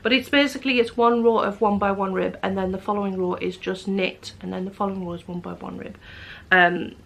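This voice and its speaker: A woman's voice: medium pitch, steady tone, fairly quick, vocal fry. A woman vlogger chatting casually to camera, rambling with many fillers and restarts. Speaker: knitting vlogger.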